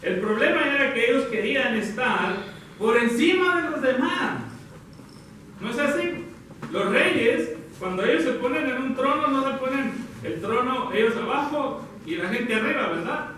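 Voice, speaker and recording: Man, preacher, sermon, high voice, halting self-corrections, heavy hall echo, far from mic. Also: expressive, sharp tone, slight background noise. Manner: addresses listeners as brothers, halting with self-corrections. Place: church hall.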